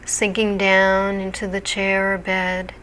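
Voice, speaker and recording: A woman leads a guided hypnosis session as a hypnotherapist would. Her delivery is very slow and deliberate, with a soothing, measured manner. Her voice sits at an average pitch for a woman. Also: monotone, fairly bright tone, slight background noise, rough recording. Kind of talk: guided hypnosis relaxation narration.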